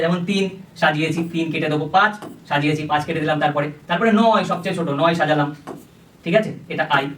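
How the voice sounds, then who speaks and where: Fast-talking tutor, roomy sound. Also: medium pitch, recorded from a distance. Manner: step-by-step explaining, often checks understanding. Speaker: coaching teacher. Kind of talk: exam-prep lecture.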